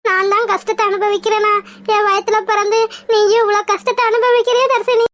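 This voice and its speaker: A sorrowful cartoon mother who frets over her daughter, voiced by a woman. Her very high, squeaky voice is tearful and pleading. The voice-over is dry and close. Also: level tone, a little fast, a bit bright, no room sound. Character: anxious widowed mother, fearful and sorrowful. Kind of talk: cartoon voice acting.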